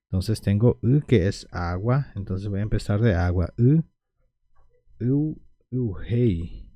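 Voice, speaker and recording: A man teaching a Guarani language lesson, who speaks slowly and repeats words carefully for learners. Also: fairly low pitch, warm tone, dry recording.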